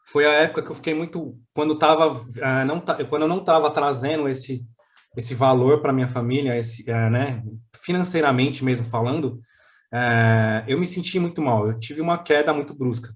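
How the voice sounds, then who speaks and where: Podcast guest, Brazilian man, slightly high voice, earnest and reflective, lots of restarts. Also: normal speed. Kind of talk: casual interview chat.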